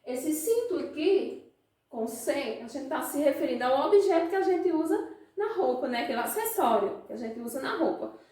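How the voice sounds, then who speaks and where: A Brazilian woman teaching a class, explaining slowly and checking in with her students with frequent questions. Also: high voice, lively intonation, mellow. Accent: Brazilian Portuguese. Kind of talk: classroom lesson. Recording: very echoey room, voice from a distance.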